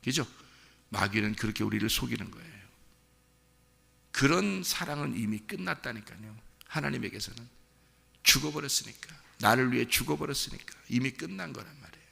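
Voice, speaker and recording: A man's voice: mid-range voice, animated, a little fast, vocal fry, sharp tone, breathy edge, big-room sound. A male pastor preaching a sermon in an earnest, conversational way, speaking straight to his listeners. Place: church sanctuary.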